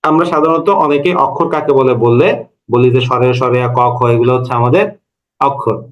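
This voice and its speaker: A man in his thirties gives a classroom lecture at an ordinary mid pitch. He explains each point step by step, stops to quiz his students, and then answers his own questions. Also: fairly even intonation, fairly quick, highs cut off. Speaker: Bengali language lecturer.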